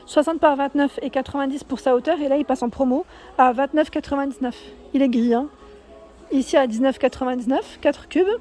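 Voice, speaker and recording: Speaking a little fast in a high voice, a woman takes viewers through a furniture store. She reads off each price and size in a steady list and now and then stops to correct herself.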